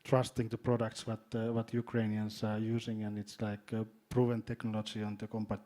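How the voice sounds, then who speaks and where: A man from Finland with a Finnish accent, speaking as a panelist in a hesitant way, often repeating words and filling pauses. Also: on the low side, monotone, dark tone. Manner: halting, repeats words, many fillers. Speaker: panelist, drone company executive. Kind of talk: panel discussion.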